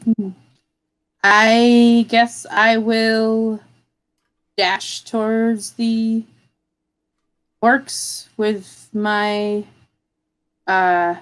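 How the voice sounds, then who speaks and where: A woman's voice: fairly high pitch, flat delivery, very slow, long pauses, smooth. A woman playing a tabletop game, chatty and hesitant with many fillers. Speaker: player. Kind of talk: casual tabletop play.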